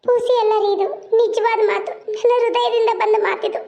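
A woman voicing a young orphaned wife in a cartoon, gentle and imploring. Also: extremely high pitch, flat delivery, moderate pace, creaky, lo-fi sound. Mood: pleading. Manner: tearful, imploring.

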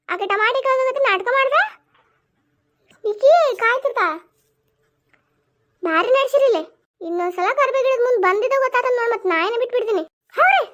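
A woman voicing a furious middle-aged village woman, who scolds with rapid questions. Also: extremely high pitch, fairly bright tone, lo-fi sound. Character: furious middle-aged village woman guarding her curry-leaf plant.

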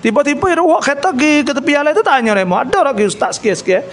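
Animated Kelantan Malay storyteller man. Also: very high voice, very fast. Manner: animated storyteller, acts out dialogue. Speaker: religious lecturer. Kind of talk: storytelling religious talk.

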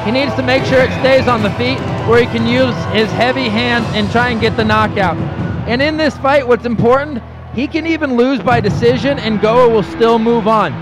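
A man's voice: very high-pitched, poor audio. A man giving analytical live colour commentary on a mixed martial arts fight. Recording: live arena broadcast, crowd and music behind.

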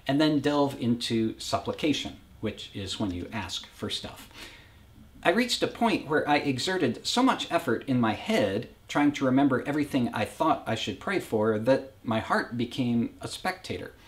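A man preaching a reflective, personal sermon in a measured way, as pastor of a faith community. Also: medium pitch.

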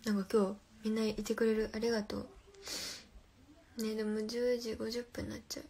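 A woman's voice: on the high side, level tone, brisk, warm tone, husky. A young woman hosting a casual phone livestream, reading viewer comments aloud and answering playfully, often dropping to a whisper. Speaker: livestream host.

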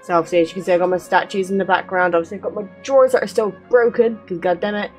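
Speaking at a racing pace, a twenty-something woman with a medium-pitched, fairly even voice plays a game on stream. She chats casually and candidly and reads dialogue aloud. Her close desk mic also catches game music in her small bedroom gaming setup.

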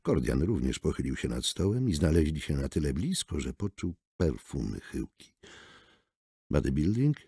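Brief: male narrator, very deep, lively reading, dry close studio sound. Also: moderate pace, vocal fry, few pauses, breathy edge, no echo. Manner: expressive, theatrical reading. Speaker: audiobook narrator. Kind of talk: scripted narration. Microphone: close studio mic.

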